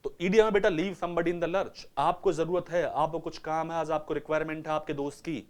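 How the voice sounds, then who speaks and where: Slightly high-voiced man teaching vocabulary. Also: steady tone, darkish tone. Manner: repetitive call-and-response questioning, addresses students as beta; drawls English phrases very slowly for dictation. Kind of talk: classroom lecture. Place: classroom.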